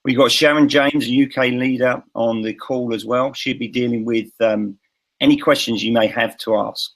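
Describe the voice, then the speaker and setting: A man's voice: mid-range voice, fairly even intonation, moderate pace, low-quality recording. A man hosting a live online interview call, introducing the guest with enthusiasm and a few ums. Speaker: interview host.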